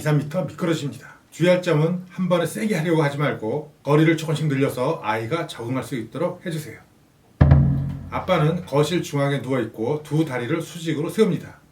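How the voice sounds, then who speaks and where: A man calmly reading a scripted explanation of parent and child play games. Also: fairly high pitch. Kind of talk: scripted instructional narration. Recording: roomy, distant voice-over with faint music.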